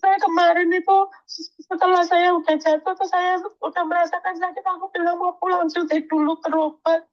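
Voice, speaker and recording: A woman's voice: extremely high pitch, flat delivery, normal speed, muffled recording. A woman migrant worker calling in, in pain and crying, speaking plaintively and politely. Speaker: caller, migrant domestic worker.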